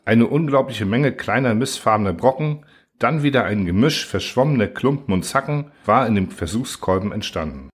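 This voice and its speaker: A man narrating a literary story in an audiobook, with a measured, even delivery. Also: mid-range voice, slightly rough.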